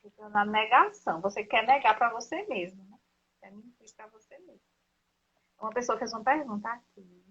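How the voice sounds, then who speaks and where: A woman's voice: fairly high pitch, moderate pace, fairly bright tone. A woman hosting a casual live talk, explaining at length and often checking in with "né?". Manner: explanatory, leans on "né?" and "então, assim". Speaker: host of a live discussion. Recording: dull lo-fi live stream audio.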